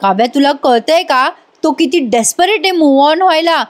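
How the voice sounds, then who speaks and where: Woman doing a shrill, excitable young woman. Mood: scolding. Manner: shrill, rapid-fire questions. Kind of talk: voice-over retelling of a TV serial.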